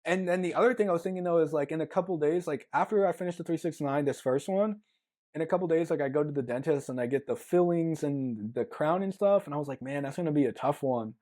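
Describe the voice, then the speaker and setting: A man's voice: on the high side, fast, a little mellow. A man co-hosting a podcast in casual chat, rambling and packing his talk with "like" as he thinks aloud. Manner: rambling, filler-heavy, lots of "like". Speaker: podcast co-host.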